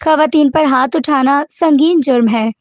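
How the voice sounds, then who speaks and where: A woman's voice: high-pitched, no room sound, lightly acted. A woman reading the lines of a stubborn, childish young woman who pouts and pleads, in a dull lo-fi recording. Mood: sulky. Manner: pouting, pleading.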